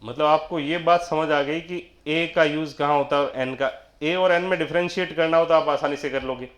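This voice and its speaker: A man teaching a class in a classroom with a lot of echo. His voice sits a bit high for a man. He keeps asking the students questions and then answers them himself. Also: fairly even intonation, normal speed, fairly bright tone. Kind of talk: classroom lecture.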